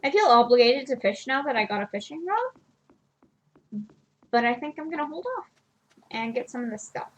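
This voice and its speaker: A woman's voice: a little high, animated, normal speed, long pauses. A woman streamer giving casual, self-deprecating commentary while playing a farming game. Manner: chatty, self-deprecating, laughs at herself.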